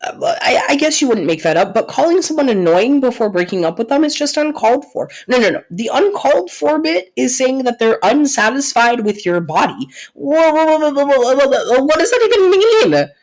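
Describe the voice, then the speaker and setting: In soft-spoken roleplay audio addressed to the listener, a young woman plays a caring, protective best friend who is secretly in love, teasing and reassuring in a husky, breathy voice. She sounds shocked and indignant, her voice sitting high with big pitch swings. She talks a little fast with hardly any pauses.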